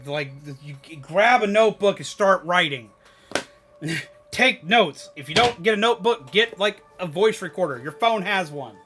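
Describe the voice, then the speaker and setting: This gaming streamer's high voice sounds pushed and bright as he chats casually with viewers and offers advice. He rambles, repeats himself for emphasis, and swears now and then.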